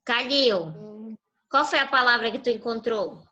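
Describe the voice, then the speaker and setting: A woman's voice: fairly high pitch, unhurried, sharp tone, muffled recording. A woman teacher giving a patient online review class to young children over a video call, prompting them with fill-in questions.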